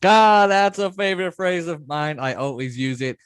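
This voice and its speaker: A man with a fairly high voice that moves around a lot in pitch. He hosts casually, commenting on clips in amused, easygoing chatter, with very little room sound. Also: lively intonation, moderate pace, clean tone, dry recording, clean studio sound. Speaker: podcast host.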